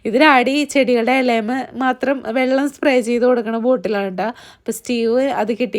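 Hoarse young woman vlogging. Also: fairly high pitch, a little mellow. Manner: chatty, fills with "appo" and "kettō". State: voice partly gone, hoarse. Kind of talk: casual vlog narration.

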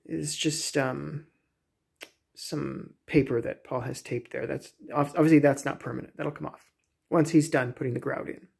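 A man's voice: mid-range voice, fairly even intonation, normal speed, vocal fry, darkish tone, breathy edge. A man in his thirties giving a casual, rambling home tour vlog on a handheld phone in his kitchen, with many fillers and restarts. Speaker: homeowner vlogger. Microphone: phone camera, handheld selfie then walking.

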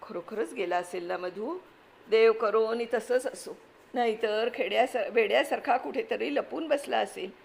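A woman reading aloud, voicing a frightened young boy's anxious thoughts in a storybook reading, her voice slightly gravelly. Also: a little high, moderate pace.

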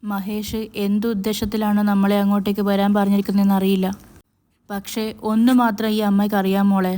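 A frightened young mother, as a woman puts her on in a spoken soap-drama retelling. She pleads through tears in an even, narrow-pitched voice. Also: brisk, lightly acted. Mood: tearful. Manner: pleading, tearful.

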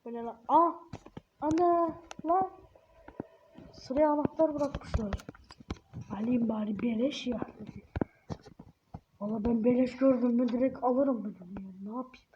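Female gamer, high voice, jokey and jumpy, curses freely, whispers at times; dull, hissy home mic. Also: warm tone. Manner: joking, jumpy, swears a lot, drops into whispers. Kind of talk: casual let's-play commentary.

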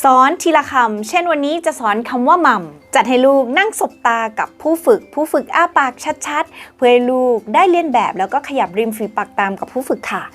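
A woman with a high, light voice teaches parents how to coax a baby into speaking. She talks politely and step by step, like a nurse giving advice. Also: lively intonation, fairly quick, hardly any pauses, soft background music. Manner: polite, instructive, uses soothing baby-talk examples. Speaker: pediatric nurse host. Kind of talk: parenting tips with sponsored product reads.

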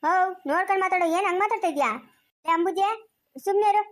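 A woman with a rural Chikkaballapur Kannada accent acting a sharp-tongued old village grandmother in a comic family skit, quarrelling and scolding in a fast, quarrelsome manner. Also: very high-pitched. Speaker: skit actor.

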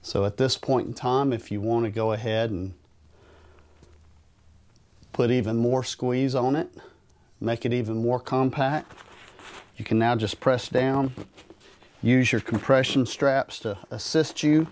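A man in his thirties talks through a camping gear demo in an easygoing, plain-spoken way, working with his hands as he speaks. His voice sits at a middle pitch. It was recorded in a carpeted room at home on a camera mic, with faint background noise. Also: fairly even intonation, a little slow, long pauses, a little mellow. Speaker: gear reviewer. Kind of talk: casual product demonstration. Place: carpeted room in a house, indoors.

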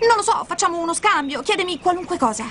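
A spirited young heroine pleads one moment and flares up the next. Her voice is high and bright with feeling in this TV series dub. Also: expressive, quick pace, slight background noise. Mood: fiery. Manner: emotional, pleading and fiery. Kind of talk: Italian TV dub.

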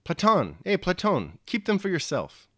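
A man voicing an uneasy, proud French soldier who talks in a hurried, insistent way. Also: high voice, wildly swooping pitch, sharp tone, no echo, clean studio sound, voice pushed up, exaggerated voice.

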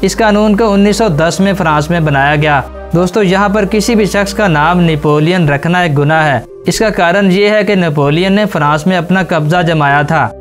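A man narrating a scripted facts video, addressing viewers as friends in a brisk voice-over. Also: sits high. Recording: faint music under voice-over. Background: background music.

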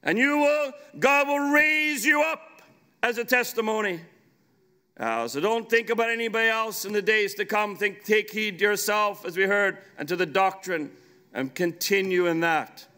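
A middle-aged man preaching a sermon from a podium microphone on a large conference stage, urgent and emphatic, at times shouting. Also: sits high, normal speed, clear, resonant tone.

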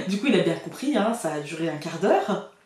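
A woman's voice: lowish voice, a little mellow. Woman vlogger, colloquial and laughing storyteller, recorded at a distance in a reverberant room. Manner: chatty, colloquial, laughs often. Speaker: card reader and vlogger. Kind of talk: casual storytelling to camera. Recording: very echoey room, far from the mic.

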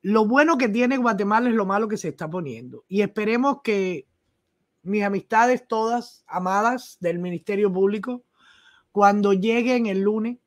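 A woman with a Cuban accent delivers live political commentary in loose, everyday speech. She is emphatic and blunt, with a sarcastic edge. Her pitch sits at a plain, middle level. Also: moderate pace. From Cuba. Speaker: host of a live news commentary show.

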